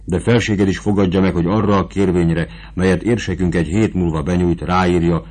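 A man's voice: low-pitched, steady tone, darkish tone. A man reading the part of a proud, desperate duchess in an audiobook, in an urgent, intense manner. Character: proud desperate duchess, woman fearing for her nephew.

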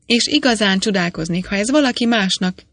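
A woman's voice: mid-range voice, expressive, a bit bright, dry recording. A woman voicing an earnest young male miner, speaking in an eager way.

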